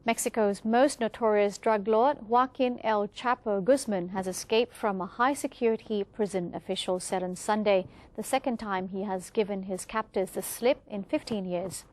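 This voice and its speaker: A woman news presenter with a Thai accent reads a scripted bulletin. Her voice sits at a medium pitch for a woman, in the style of a newscast. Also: moderate pace, few pauses.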